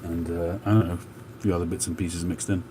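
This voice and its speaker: Street noise and passing traffic are plainly heard behind a very deep-voiced Englishman hosting a laid-back live chat. His London accent is part Cockney, part North London, and his slow, wandering delivery is full of filler pauses and barely moves in pitch.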